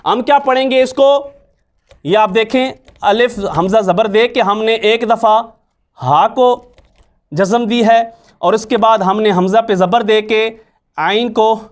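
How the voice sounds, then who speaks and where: A man's voice: high-pitched, takes it slowly. A man, teaching a Quran recitation lesson and patiently repeating sounds to show them. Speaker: religious teacher.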